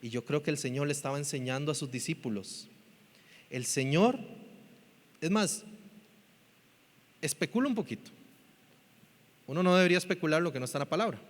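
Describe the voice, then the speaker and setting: High-voiced dramatic male pastor preaching. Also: fairly quick, pauses often. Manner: dramatic, acts out quoted voices; swings from loud cries to hushed near-whisper. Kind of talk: sermon. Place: church. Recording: reverberant church hall.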